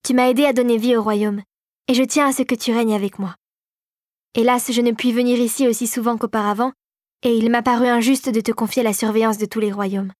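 A woman voicing an eager, inventive young girl who rules a toy kingdom, with a lively, raised voice. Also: on the high side, a little fast, no echo, studio quality, lightly acted.

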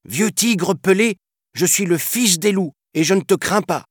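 A man's voice: high voice, a little slow, husky, no echo, studio quality, pitched above the performer's own voice. A man voicing a brave, defiant young boy raised in the jungle, speaking in a bold and eager way in a storybook reading. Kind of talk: storybook narration.

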